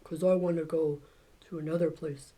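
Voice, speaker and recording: A woman's voice: deep voice, level tone, normal speed, dark tone. A woman voicing a shy, restless male emu from a children's storybook, speaking simply in a childlike manner. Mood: matter-of-fact.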